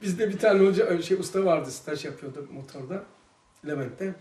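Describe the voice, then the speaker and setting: A man's voice: high voice, moderate pace. Religious study teacher, man, emphatic storyteller; roomy, distant recording. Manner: animated storytelling, emphatic outbursts. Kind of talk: religious lesson talk. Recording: echoey room, mic far off.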